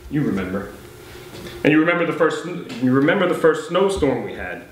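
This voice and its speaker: At a poetry night in a beach house, a man reads an old letter aloud to a live crowd, now and then breaking off for offhand, chatty asides. His voice sits a little high and moves briskly with a sing-song lilt. The very echoey room carries faint ambience, with a slight hiss or hum underneath.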